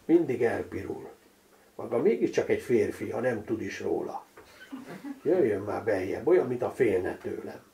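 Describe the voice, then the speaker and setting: A sharp-tongued noblewoman mocks a bashful priest, as a man with a gravelly, dark voice puts her on. He lifts his voice for her, quick and needling, with a storybook reading's easy pacing. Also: lowish voice, very animated. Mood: teasing. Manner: mocking, brisk, teasing.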